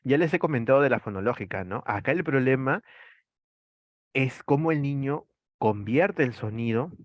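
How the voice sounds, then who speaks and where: A man's voice: medium pitch, animated, moderate pace, dry recording. Peruvian man lecturing a class. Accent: Peruvian Spanish. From Peru. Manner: explanatory, asks rhetorical questions and answers them; frequent tag "¿no?".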